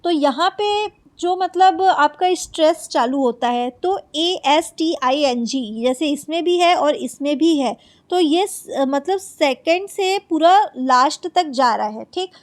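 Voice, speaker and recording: Animated and high-pitched, a woman teaches an exam-prep class in Hindi. She takes her time reading English definitions aloud, raising questions and answering them on her own.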